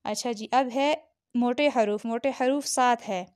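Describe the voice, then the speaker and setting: Woman teacher, slow patient delivery, clear smooth voice, sounds out letters one by one. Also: fairly high pitch, a little mellow. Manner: patient, repeats each letter slowly. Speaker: Quran recitation teacher. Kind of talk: lesson on Arabic letter pronunciation.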